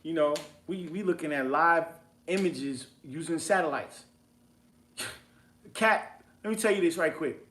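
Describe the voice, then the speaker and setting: Man, real estate investor in a loose seminar setting; emphatic, slangy, quick to laugh; slightly high voice, echoey room. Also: fairly bright tone, a little hiss or hum. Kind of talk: casual seminar talk.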